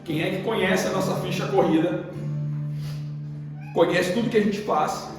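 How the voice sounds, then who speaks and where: A young Brazilian man preaching a sermon in a church hall, animated and asking the congregation questions. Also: high-pitched, moderate pace. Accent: Brazilian Portuguese. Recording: echoey hall from far off, guitar behind.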